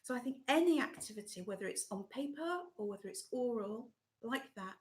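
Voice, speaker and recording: A middle-aged woman trainer, losing her voice and coughing, talking thoughtfully with many pauses on a video call. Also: a little high, animated. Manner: thoughtful, pausing with many ums. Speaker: teacher trainer. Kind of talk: live online session talk.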